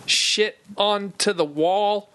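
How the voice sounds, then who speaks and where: A man's voice: high voice, slow pace, fairly bright tone, slight background noise. A man co-hosting a podcast, making crude jokes in casual chat. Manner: crude, joking. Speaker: podcast co-host.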